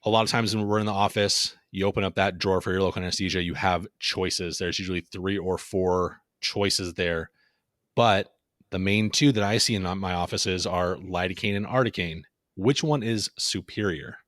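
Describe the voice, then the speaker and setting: A man's voice: low voice, moderate pace, fairly bright tone, no echo, clean studio sound. A man hosting a podcast in a conversational style. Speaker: podcast host.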